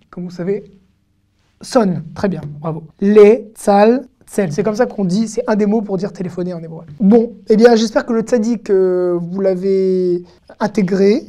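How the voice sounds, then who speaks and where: A woman's voice: mid-range voice, warm tone. A woman giving an online language lesson as a teacher, patiently sounding out each word syllable by syllable and repeating it. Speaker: Hebrew teacher.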